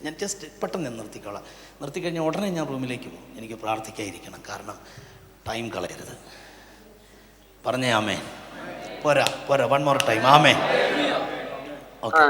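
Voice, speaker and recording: A male pastor, preaching a sermon and swinging from quiet asides to loud, impassioned calls. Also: medium pitch, a little hiss or hum. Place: church prayer hall. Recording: echoey church hall, long reverb.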